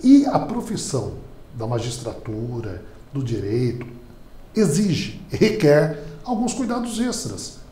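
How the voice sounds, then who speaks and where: A Brazilian man, a public speaking teacher on a podcast, explaining in an animated lecturing way. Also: medium pitch, slow. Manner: animated, lively lecturing delivery. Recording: roomy studio echo.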